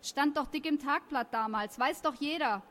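A woman's voice: high voice, normal speed, fairly bright tone, pitched above the performer's own voice. A woman voicing a cocky, scornful teenage boy who taunts a classmate in a sneering way. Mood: taunting.

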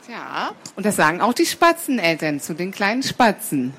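Animated woman reading a story to children. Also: mid-range voice, normal speed, husky.

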